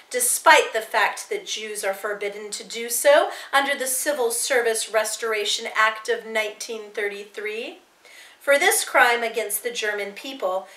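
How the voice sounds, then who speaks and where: A woman's voice: a little high, bright, forceful tone, reverberant. A woman reading the part of a cruel male Nazi stormtrooper officer who taunts a family. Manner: sneering, taunting.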